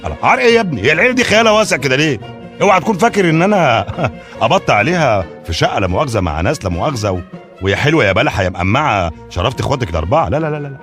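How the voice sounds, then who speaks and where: A fast-talking sarcastic Egyptian detective. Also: male voice, mid-range voice, big pitch swings, fairly bright tone, soft background music. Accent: Egyptian Arabic. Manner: mocking, sarcastic banter. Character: joking, teasing male police detective. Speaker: police officer. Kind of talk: comic radio drama acting.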